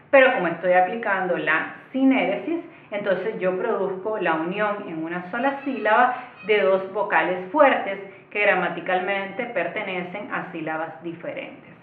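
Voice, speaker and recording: Tinny, echoey woman teaching a lesson. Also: medium pitch. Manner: patient, explanatory, addresses viewers directly. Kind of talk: online lesson, explaining step by step. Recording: echoey room, tinny phone-like sound.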